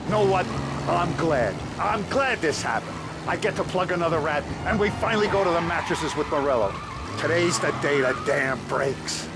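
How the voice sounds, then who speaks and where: Give me a threatening crime boss in a video game, seething and profane. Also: male voice, fairly high pitch, expressive, normal speed, very noisy. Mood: grim. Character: hot-tempered middle-aged male mob boss. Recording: game audio with loud music.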